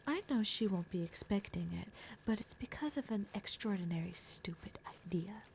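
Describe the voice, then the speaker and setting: This woman voices an exasperated but caring werewolf girl, young, blunt and protective, for an ASMR roleplay, frequently dropping to a whisper. Her mid-range, slightly mellow voice has lively intonation and a moderate pace, close to how she'd normally talk. Some background noise can be heard.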